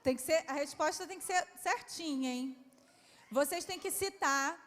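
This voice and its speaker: Brazilian woman historian, very high voice, coaxing quizmaster for kids, long hall reverb. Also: moderate pace, a bit bright. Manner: affectionate, coaxing, calls children "my love". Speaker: historian hosting a quiz for schoolchildren. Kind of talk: lively quiz with children at a public event. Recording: reverberant hall, faint background noise.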